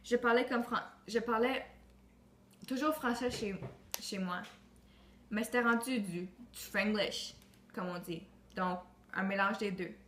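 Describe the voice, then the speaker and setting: A woman's voice: medium pitch, measured pace, a bit bright. A woman reciting an earnest, declamatory monologue for a school project, with frequent restarts. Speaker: student. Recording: roomy echo with faint ambient noise.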